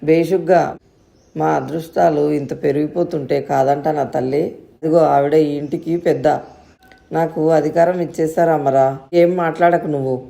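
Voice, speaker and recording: A woman's voice: deep voice, steady tone, moderate pace, vocal fry, warm tone. A woman voicing an elderly grandmother in a storybook reading, fretful and commanding. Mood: pleased.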